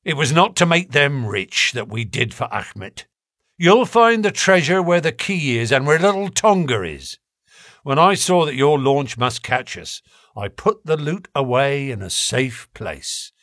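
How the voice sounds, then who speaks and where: A man's voice: medium pitch, big pitch swings, unhurried, a bit bright, no room sound, pitched above the performer's own voice. Guy putting on a snarly defiant convict, voice jumps all over, dry close sound. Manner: snarling, impassioned. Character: bitter defiant male convict, middle-aged.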